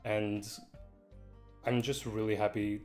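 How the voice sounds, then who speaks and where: A man's voice: fairly low pitch, level tone, takes it slowly, a little mellow. A man speaking casually and earnestly as a guest on a livestream. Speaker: company CEO, stream guest. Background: guitar music.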